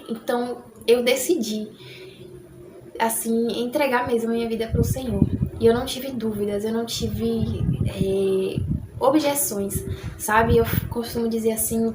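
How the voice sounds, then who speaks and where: A woman's voice: a little high, background noise. A young Brazilian woman telling her conversion story in an earnest, chatty way, often adding "né?". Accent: Brazilian Portuguese. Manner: chatty, earnest, tag questions "né?" throughout. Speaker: vlogger giving her conversion testimony. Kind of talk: casual personal testimony. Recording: roomy room with faint ambience.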